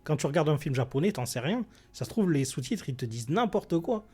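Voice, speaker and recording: A man's voice: on the high side, sing-song, a little fast, background noise. A man on a podcast panel, giving his opinions bluntly and with emphasis. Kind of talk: casual debate chat.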